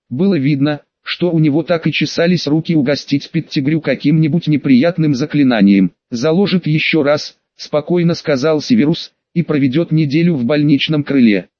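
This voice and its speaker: Male audiobook narrator with a slightly high voice, measured delivery, dry muffled recording. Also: darkish tone, no echo.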